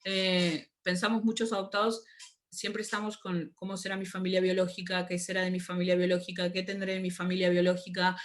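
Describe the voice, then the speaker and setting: A woman, speaking as an interview guest in a casual conversation, telling stories with lively energy and frequent laughter. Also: lowish voice, a little fast. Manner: animated storyteller, laughs often, mimics voices.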